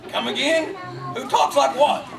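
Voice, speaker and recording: A man's voice: extremely high pitch, a little slow, creaky, over music, full character voice. A man playing a cheerful, teasing Australian outback guide who calls the crowd "mates" in a live church skit. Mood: jolly. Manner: jokey, upbeat, addresses the crowd as mates. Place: large hall with an audience. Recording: roomy distant live recording with audience and noise.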